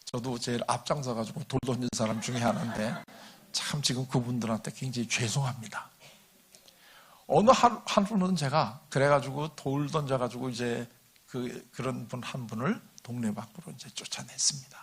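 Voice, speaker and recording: Husky older man giving a church talk. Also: medium pitch, moderate pace, fairly bright tone. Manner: questions the audience and chuckles along. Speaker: guest lecturer at a church meeting. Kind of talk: conversational church lecture.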